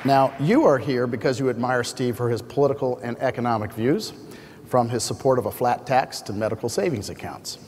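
A middle-aged American man hosts from a podium, reading a formal introduction in a measured way. His pitch is average for a man. The hall rings with long reverb over faint background noise. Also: crowd noise. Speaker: event host introducing the speaker. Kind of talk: scripted podium introduction speech. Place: large indoor hall at a podium. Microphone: podium microphone. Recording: echoey hall with ambient noise.

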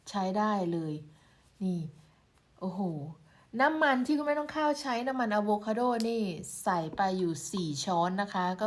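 A woman from Thailand chatting casually in a vlog as she shows and reviews homemade skin creams, exclaiming over each one. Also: medium pitch. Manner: chatty, exclaiming while showing products. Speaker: beauty product reviewer.

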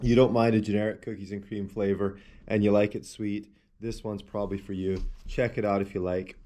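This is a casual protein powder review from a man in his forties, filmed wide at a desk in a small room stacked with supplement tubs. He talks fairly quickly in a warm, level, lowish voice, easygoing and rambling while he fiddles with the tub and shaker.

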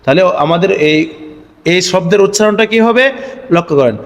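A man teaching Arabic letter spelling for Quran reading, drilling the syllables slowly in a singsong chant and asking questions that he answers himself. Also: high voice, animated. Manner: asks the viewers questions and answers them himself. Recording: echoey room with long reverb.

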